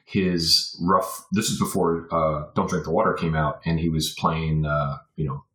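An American man in his forties from Virginia reminisces casually as a podcast guest, his bass voice a little slow, sharp in tone and with little pitch movement. He rambles, punctuating his talk with "you know," and the recording sounds roomy and echoey.

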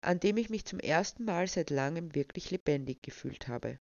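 A woman voicing a calm young man who speaks coolly and curtly, in a dull, dry recording. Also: lowish voice, normal speed, dry recording. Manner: cool and curt.

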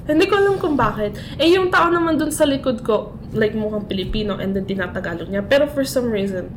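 A woman co-hosting a casual chat, teasing and animated, laughing often. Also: on the high side, brisk, a little hiss or hum.

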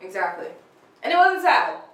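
A woman's voice: medium pitch, moderate pace. A young woman co-hosting a faith podcast, telling her story in casual chat full of "like" and laughs. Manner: animated, filler-heavy testimony with laughs. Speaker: podcast co-host. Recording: echoey room with faint ambience.

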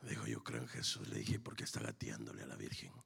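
A male pastor delivering a sermon as a dramatic story, acting out both sides of a conversation. His voice is heavily gravelly and raspy, with a bright, forceful tone. He climbs to loud shouts and drops to hushed whispers. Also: a bass voice, level tone, quick pace.

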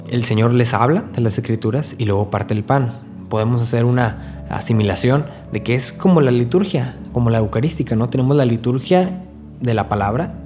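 Earnest man with a mellow voice. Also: medium pitch. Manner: earnest, conversational, speaks straight to the listener. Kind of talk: spoken spiritual reflection. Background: faint background music.

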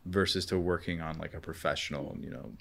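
A young man with a very deep, low voice talks through a casual podcast conversation. He rambles, leans on fillers, and drops profane jokes. The talk sounds loose and unscripted. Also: steady tone, fairly quick, vocal fry, fairly bright tone. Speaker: podcast host. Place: indoor room, in person.

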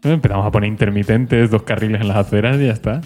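A man trading quick jokes with a friend on a podcast and swearing freely. His voice sits fairly low. Faint music runs under the talk. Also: a little mellow. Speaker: podcast co-host. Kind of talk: casual chat.

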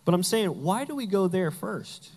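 A man's voice: high-pitched, very animated, normal speed, darkish tone, in a large hall. A man preaching a sermon as pastor, telling Bible stories with humor and acting out the characters.

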